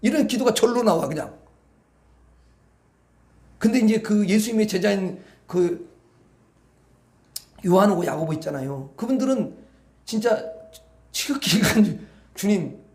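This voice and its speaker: A male pastor preaches a Sunday evening sermon in an echoey church sanctuary, speaking conversationally and often asking the congregation to agree. His voice is high, expressive and slightly mellow, with a somewhat slow pace and long pauses.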